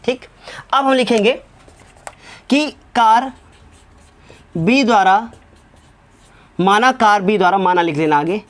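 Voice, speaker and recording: A male physics teacher's voice sits high and sounds a bit bright as he talks slowly, pausing often. In a whiteboard lesson, he works through numericals one step at a time, repeatedly making sure the class keeps up and calling students by affectionate, fatherly names.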